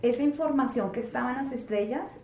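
A woman with a fairly high voice tells personal stories with lots of animation, slipping into quoted voices now and then. The room is echoey, with a faint hiss of background noise underneath. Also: fairly quick, a little mellow. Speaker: interview guest. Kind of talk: casual conversational interview.

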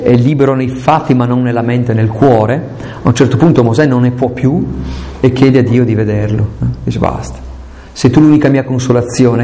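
A man's voice: mid-range voice, creaky, mellow. A man, a priest, giving a conversational sermon, with rhetorical questions and quoted asides to his listeners.

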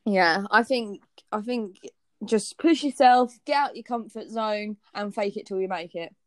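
A woman's voice: medium pitch, unhurried, dry recording, clean studio sound. A young woman, co-hosting a podcast in casual, candid chat full of "like". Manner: chatty, fillers like "like", candid. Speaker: podcast co-host.

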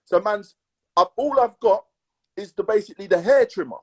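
Animated high-pitched London roadman, husky voice. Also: fairly quick. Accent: London urban, roadman. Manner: emphatic, repetitive, heavy street slang. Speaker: podcast co-host. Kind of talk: animated casual storytelling chat with slang.

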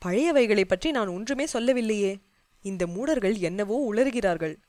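A woman's voice: mid-range voice, animated, normal speed, a little mellow, dry recording, lightly acted. A woman voicing an older male fort commander who gives orders and scolds his guards. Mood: angry.

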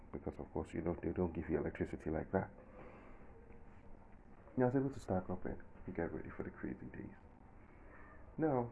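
Over a phone line with a little hiss or hum, a low-voiced commentator in his forties from southern Nigeria delivers an emphatic, indignant monologue of his own opinions in a Nigerian accent.

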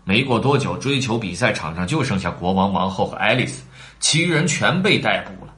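A man reading a children's story aloud in an animated way, talking to the children between lines. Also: fairly low pitch, fairly quick.

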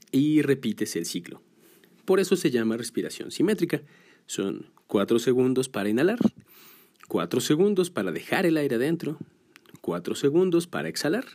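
A man's voice: medium pitch, darkish tone. A man guiding a box-breathing exercise, patiently counting the seconds aloud. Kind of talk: guided breathing instruction.

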